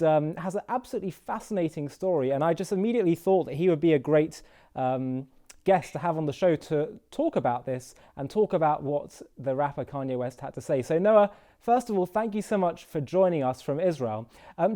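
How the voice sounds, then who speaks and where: A man's voice: a little high, dark tone. A man hosting an interview, speaking casually and hesitantly with many fillers and restarts. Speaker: interview host.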